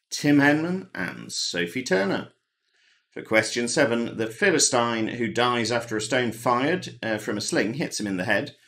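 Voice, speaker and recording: A man runs through the answers to a pub quiz, his pitch moving a lot as he lists names. He slips in dry, wry remarks between the answers. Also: a bit bright. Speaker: quiz host. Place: home, recorded alone.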